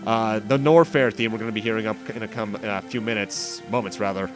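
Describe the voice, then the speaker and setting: Over video game music, a man with a lowish, steady voice hosts a game playthrough series, talking quickly. His commentary rambles and interrupts itself with asides, and the audio quality is poor.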